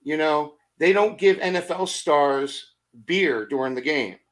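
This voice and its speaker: A middle-aged man on a motivational podcast, telling energetic stories full of rhetorical questions and acted-out asides. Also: on the high side, measured pace. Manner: acts out his own thoughts in quoted asides. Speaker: podcast guest.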